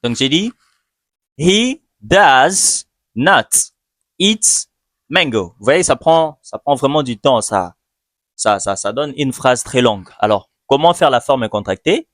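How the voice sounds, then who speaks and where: A man's voice: mid-range voice, lively intonation, no room sound. Patient man teaching English, dry close sound. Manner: patient, repeats each example slowly. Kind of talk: video lesson, slow explanation.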